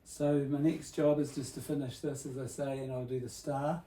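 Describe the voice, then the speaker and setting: A man presenting a workshop vlog to children as a builder, in a bright kids' party host manner, explaining things simply and checking in with tag questions. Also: medium pitch, level tone, moderate pace.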